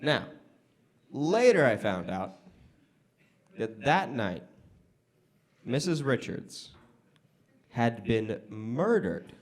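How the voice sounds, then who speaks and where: An American man doing stand-up comedy with crowd work, talking conversationally to a club audience with pauses and emphatic punchlines. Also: medium pitch, very animated. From Las Vegas, United States. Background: audience laughter.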